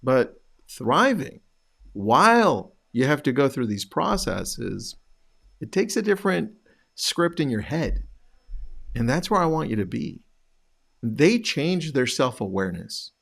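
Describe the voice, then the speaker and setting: A man's voice: medium pitch, sing-song, takes it slowly, vocal fry, a bit bright. A man hosting a show, giving direct motivational coaching to real estate agents with rhetorical questions. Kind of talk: motivational talk to camera.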